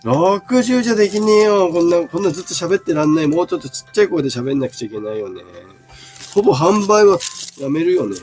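A man in his fifties talks casually through a live sales stream, showing goods and answering viewer comments. His voice sits a little high and swings widely in pitch. Faint music plays behind him. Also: expressive, fast talker, a little mellow. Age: 50s.

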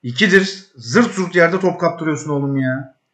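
While playing a football management game, a man provides live commentary as the team's coach, calming his players, scolding them, and shouting when an attack builds. He speaks at a moderate pace but bursts into high shouts during attacks.

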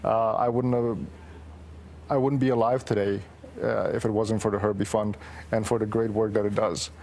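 A man in his forties from Romania, a guest on a morning TV show, speaking earnestly with frequent pauses. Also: on the low side, slight background noise. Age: 40s. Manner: steady, earnest, many pauses with um. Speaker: guest, former patient. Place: TV studio set.

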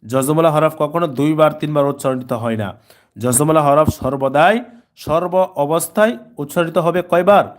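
A man teaching Quran reading, spelling out syllables slowly, repeating them and answering his own questions. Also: a little high. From Bangladesh. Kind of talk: spelling-out recitation lesson.

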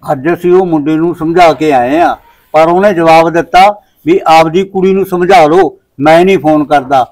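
High-pitched, gruff Punjabi village father played by a man. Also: moderate pace, darkish tone, lightly acted. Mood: grave, stern. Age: middle-aged. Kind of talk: short-film family drama acting.

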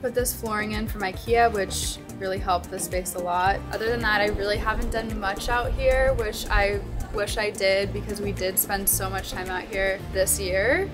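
A woman in her twenties with an American accent chats informally and giggly as a vlogger giving a house tour inside a bright open-plan home. Her voice is medium-pitched with fairly even intonation, at normal speed with few pauses. The recording has a roomy echo and music underneath.

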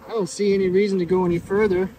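Recorded by a camera mic on him in an outdoor bee yard, a beekeeper with a high-pitched voice casually walks through a hive inspection for his vlog. His talk is relaxed but halting, with lots of restarts and fillers. Bees buzz loudly and wind blows across the open field.

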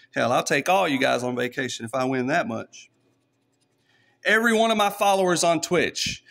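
A man's voice: fairly high pitch, vocal fry, fairly bright tone. A man with an East Texas accent chatting casually to his followers while scratching lottery tickets. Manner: chatty, talks straight to followers. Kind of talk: casual play-by-play vlog.

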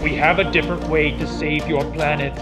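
A man playing a principled veteran superhero in a cartoon, with a measured, earnest manner. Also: a little high, fairly even intonation, over music, natural voice. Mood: serious. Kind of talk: scripted animated superhero acting.

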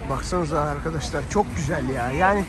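A Turkish family vlogger chats with his viewers like friends while walking a snowy city street, talking casually and colloquially. His voice is on the high side and a little fast. It's recorded on a handheld phone as he films, with faint street noise outdoors.

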